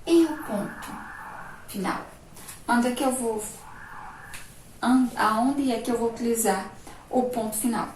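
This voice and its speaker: A woman with a Brazilian Portuguese accent teaching a remote primary-school lesson, explaining slowly and patiently and asking the class rhetorical questions. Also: on the high side, darkish tone, roomy sound, far from the mic, slight background noise, low-quality recording.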